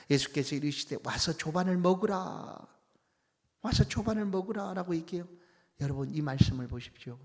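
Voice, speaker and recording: A male pastor preaching a sermon, swinging from hushed whispers to loud, impassioned outbursts. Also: medium pitch. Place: church sanctuary. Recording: long church hall reverb.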